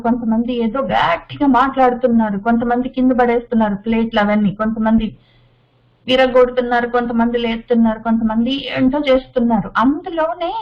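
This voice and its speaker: High-pitched woman, spiritual teacher, measured listing delivery, dull lo-fi recording. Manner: unhurried, repetitive listing with rhetorical questions. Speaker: Bhagavad Gita teacher. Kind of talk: spiritual discourse. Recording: dull lo-fi sound.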